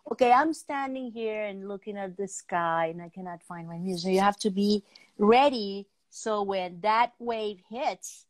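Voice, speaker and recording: Hosting a relaxed art interview by video call from an indoor room at home, a woman in her fifties keeps breaking off mid-sentence to find her words. Her voice is medium in pitch, the audio is poor, and there's no room sound.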